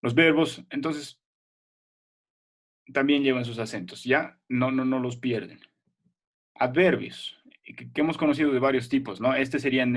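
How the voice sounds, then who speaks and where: A man teaching a remote primary school language class, explaining patiently and checking in often with short questions. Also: medium pitch.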